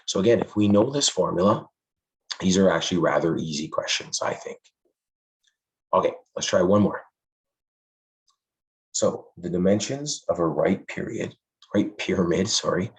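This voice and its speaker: Male math teacher with a deep voice that is going hoarse, friendly and emphatic. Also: low-quality recording. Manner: friendly, calls students "friends", stresses key points. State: losing his voice. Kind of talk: classroom math lesson.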